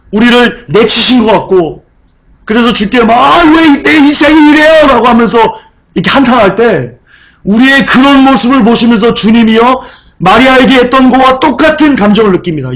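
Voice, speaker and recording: A male pastor delivers an emotional sermon in a high-pitched voice. He repeats phrases and asks rhetorical questions to press his point. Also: rough recording.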